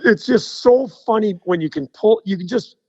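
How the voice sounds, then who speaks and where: A man's voice: sits high, normal speed, dry recording, muffled recording. A man telling stories as a guest on a radio show, acting out the people in them. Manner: animated anecdote teller, acts out the people in his stories.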